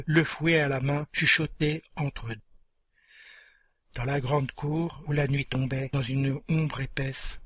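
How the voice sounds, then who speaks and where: A male narrator reads a dramatic tale in a measured, solemn voice. His pitch sits a little high for a man. The recording is dry and close. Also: husky, no room sound.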